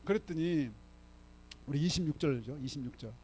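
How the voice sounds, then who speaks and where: A man's voice: on the high side, moderate pace, darkish tone, slightly rough. A male pastor preaching a sermon, prodding the congregation with frequent questions and reading scripture aloud with force. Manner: emphatic preaching, frequent rhetorical "응?" and "예?" prompts to the congregation. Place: church sanctuary.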